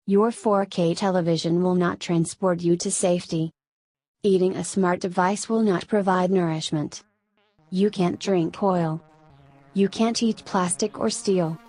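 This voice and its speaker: Woman doing a serene light spirit, mellow warm tone, low-ish voice, solemn and earnest. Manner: calm, earnest, solemn appeals. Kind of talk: dramatic spoken-word monologue.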